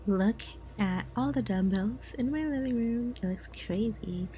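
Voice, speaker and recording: With a warm, higher-pitched voice and a measured pace, a young woman reviews a product for her viewers, casual and upbeat, from the bright living room where she films her home fitness vlogs. Slight background noise is audible.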